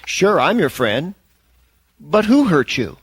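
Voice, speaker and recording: A brash, smooth-talking radio host, as a man puts him on, pitched up above the narration and bouncing through his lines. He banters quickly and can switch on the charm. The sound is dry and close. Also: big pitch swings, no room sound, exaggerated voice. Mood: coaxing.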